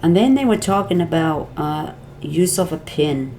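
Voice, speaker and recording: A woman with a Wisconsin accent and a low, warm voice recaps a day in court for her viewers as a vlogger. Her intonation is lively and her pace normal, and her chatty commentary meanders off topic before finding its way back. A little hiss or hum sits under the recording.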